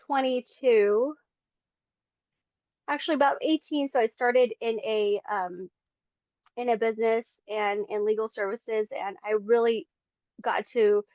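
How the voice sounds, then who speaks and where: A woman's slightly high voice comes through dull audio without any echo. In her forties and originally from the Philippines, she talks from home in Las Vegas as a podcast guest, recounting her faith testimony. Her delivery is earnest and chatty, with many fillers.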